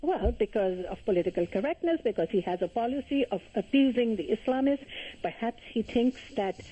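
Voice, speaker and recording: An older woman from Pakistan speaks earnestly in measured sentences, pausing often on fillers. Her voice is husky and mellow. It arrives over a dull, muffled phone line. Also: fairly high pitch, animated. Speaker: guest. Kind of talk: phone-in radio interview.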